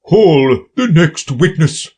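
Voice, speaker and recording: A man voicing a pompous, fretful king in a storybook reading, slow and grave. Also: on the high side, expressive, a little mellow, breathy edge, voice pushed up, heavily acted.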